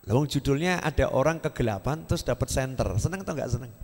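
A man's voice: medium pitch, lively intonation, fast talker, a little mellow. A man preaching a sermon in a conversational way, often asking his listeners questions. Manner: conversational, asks the audience rhetorical questions. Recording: echoey hall reverb.

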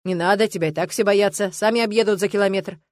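A sarcastic young man, blunt and quick to quarrel, voiced by a woman reading a novel. He needles and grumbles in a plain, everyday tone. The sound is dry and close, with no room around it. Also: mid-range voice, fairly even intonation, no echo, lightly acted. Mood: teasing.

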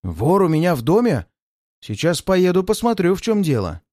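A man reading aloud, voicing an arrogant, hot-tempered rich gentleman who snaps indignantly. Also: high-pitched, wildly swooping pitch, normal speed, dry recording, clean studio sound, voice pushed up. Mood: angry. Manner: haughty, snapping, indignant.

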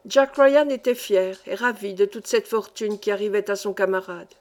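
A woman reading a classic adventure novel aloud as an audiobook, with measured, clear phrasing. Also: mid-range voice. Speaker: audiobook reader. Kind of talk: scripted narration of a novel.

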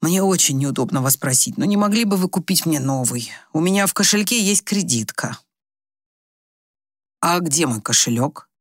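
A man's voice: a little high, expressive, normal speed, no echo, studio quality. A woman voicing an injured, wary elderly foreign man in a storybook reading. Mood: weak, pleading. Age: older.

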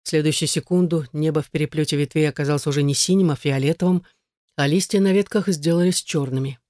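An audiobook narrator with a mid-pitched voice, reading in a measured, dramatic way. The sound is dry and close. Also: a little mellow, dry recording.

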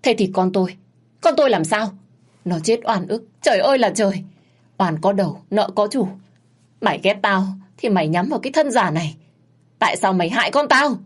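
A frantic older mother in a storybook drama, shrieking with grief and rage, as a woman puts her on. Her voice is husky and strained, climbing high whenever she cries out. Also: lively intonation, moderate pace, few pauses. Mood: wailing, furious. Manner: wailing, shrill accusations. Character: grieving furious old mother, shrieking.

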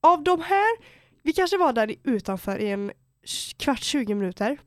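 A woman's voice: sits high, very animated, no echo, studio quality. A teenage girl from Borås, telling a story on a podcast with lots of slang, swearing and acted-out quotes. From Borås, Sweden. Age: teenager under eighteen. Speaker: podcast host. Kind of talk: casual storytelling chat.

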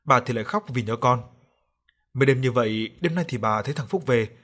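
A man's voice: mid-range voice, brisk, fairly bright tone. A man narrating a ghost story in a scripted storytelling style, sometimes raising his voice to act out a grieving mother's pleading. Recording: faint music underneath.

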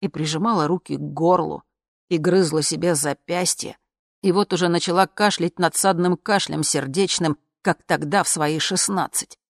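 A woman narrating a dark audiobook story in an even telling. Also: fairly low pitch, normal speed, vocal fry, no echo, studio quality.

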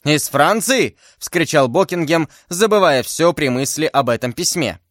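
A man narrating a classic novel as an audiobook, in a measured, even storytelling manner. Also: a little high, dry recording, clean studio sound.

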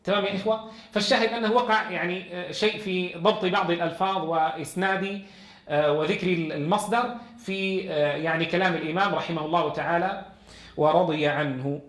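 Man teaching a quran class, high voice, reads then explains, roomy echo. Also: steady tone, fast talker, fairly bright tone. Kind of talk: classroom lesson explaining a text.

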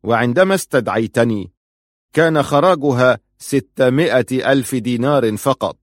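A man voicing a commanding male army chief, declaiming forcefully in an audiobook reading. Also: medium pitch, moderate pace, no echo, natural voice. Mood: assertive.

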